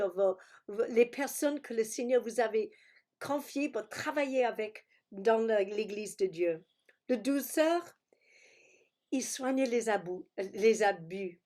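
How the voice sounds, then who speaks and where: Slow-spoken woman preaching over a video call. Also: fairly high pitch, warm tone. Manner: slow, searching for words, exclaims alleluia. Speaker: pastor.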